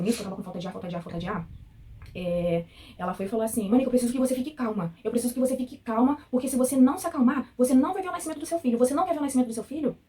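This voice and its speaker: A woman telling her own birth story, speaking quickly with indignation and quoting the staff who treated her. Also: mid-range voice, mellow. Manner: fast, tearful and indignant, quotes staff. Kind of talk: emotional personal account.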